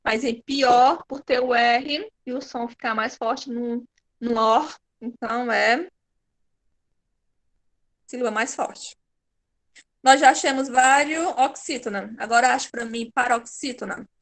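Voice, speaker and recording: A woman's voice: on the high side, a little slow, long pauses, a bit bright. A Brazilian woman teaching an online class, patient and encouraging, praising her pupils by name. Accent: Brazilian Portuguese.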